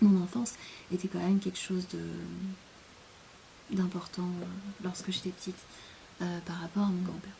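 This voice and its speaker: French girl rambling on her vlog, lots of "euh", half whispering, low husky fry, bit of hiss. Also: dark tone. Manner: hesitant, many fillers, drifts in and out of a near-whisper. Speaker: vlogger. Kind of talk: casual rambling monologue.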